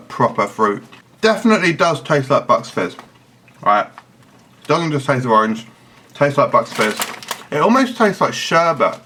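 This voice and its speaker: A man's voice: fairly high pitch, a bit bright. A man giving a casual product review in a blunt, picky, analytical manner. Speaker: snack reviewer. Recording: noticeable background noise.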